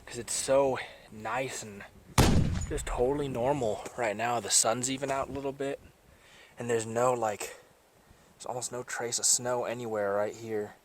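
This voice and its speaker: A man's voice: medium pitch, steady tone, unhurried. Chatty young man vlogging outdoors in wind. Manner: self-deprecating, chatty. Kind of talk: casual outdoor vlog narration. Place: outdoors by a stream in snowy, windy weather. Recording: wind and outdoor noise behind.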